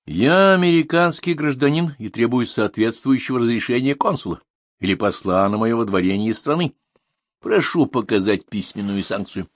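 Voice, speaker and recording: A man's voice: on the low side, lively intonation, moderate pace, few pauses, breathy edge, no echo, clean studio sound. A man reading an audiobook, voicing an indignant American man who makes pompous demands. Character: indignant American male citizen.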